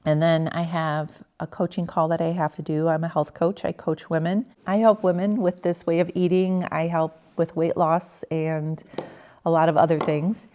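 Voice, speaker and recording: A woman's voice: deep voice, normal speed. A woman in her fifties, a health coach, chatting casually to her viewers while outdoors at home and on a walk. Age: 50s. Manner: chatty, relaxed, addressing viewers directly. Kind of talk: casual vlog chat. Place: outdoors at home, patio and walking route.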